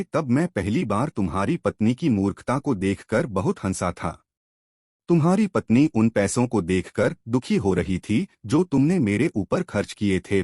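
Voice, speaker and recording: A man doing a calm wise divine messenger. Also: fairly low pitch, breathy edge, no room sound, studio quality. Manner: calm, explaining.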